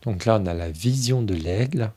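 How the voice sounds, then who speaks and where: A man chatting casually through a review of a tarot deck, filling pauses with "euh" and thinking aloud as he goes. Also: on the low side, animated, warm tone, breathy edge, dry recording. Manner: chatty, many fillers, thinks aloud while flipping cards.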